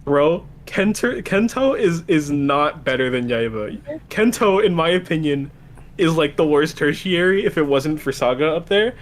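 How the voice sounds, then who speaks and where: A young man in a casual group call who argues excitedly and keeps repeating "no". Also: a little high, normal speed. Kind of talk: casual heated chat.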